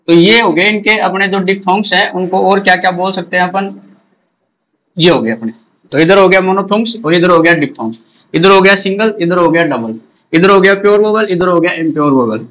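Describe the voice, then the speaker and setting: Indian male teacher, high voice, drilling exam questions. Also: a bit bright, rough recording. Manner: drills with repeated questions and answers. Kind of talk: exam-prep lecture.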